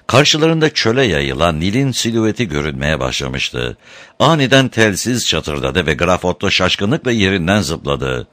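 Deep-voiced man reading an audiobook. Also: no echo. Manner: dramatic, raises voice for shouted quotes. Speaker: narrator. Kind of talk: audiobook narration.

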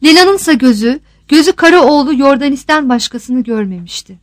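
A woman with a high voice reads a novel aloud in a steady, descriptive way. The recording is close and dry, with no room sound. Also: normal speed, no echo. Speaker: narrator. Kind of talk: audiobook narration of a novel.

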